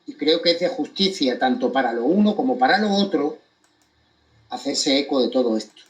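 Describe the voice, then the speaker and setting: A man with an accent from Spain gives a deliberate, emphatic monologue to an audience, breaking his phrases with pointed pauses. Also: medium pitch, lively intonation. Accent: Spanish from Spain. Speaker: commentator giving his account of a court case.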